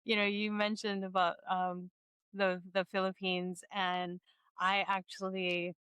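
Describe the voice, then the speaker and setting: A middle-aged woman from Hawaii, hosting a casual interview, chatty and quick to laugh, often restarting her sentences. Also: mid-range voice, flat delivery, fairly bright tone, clear, resonant tone, no room sound. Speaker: podcast host.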